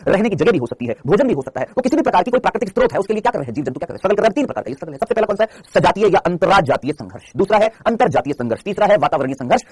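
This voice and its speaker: A high-pitched male biology teacher racing through a lecture, with a lively voice that swoops up and down. He keeps firing questions at his students and answering them himself, and he teases them by name. His slightly husky voice sits close and dry on the mic. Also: dry recording. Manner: teasing, calls students by name. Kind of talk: online exam-prep lecture.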